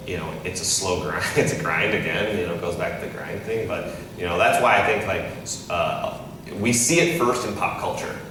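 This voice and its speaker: With a deep yet fairly bright voice, a thirty-something entrepreneur and investor answers interview questions conversationally, restarting often and dropping in "right?". It's a casual live stage interview in an event hall with an audience, recorded noisily, echoey, and far from the mic.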